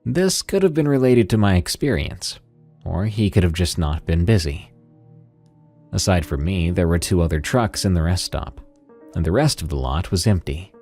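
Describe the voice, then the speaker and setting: Deep-voiced male paranormal radio host. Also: animated, moderate pace, a little mellow. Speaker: host of a paranormal story show. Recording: music behind the voice. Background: background music.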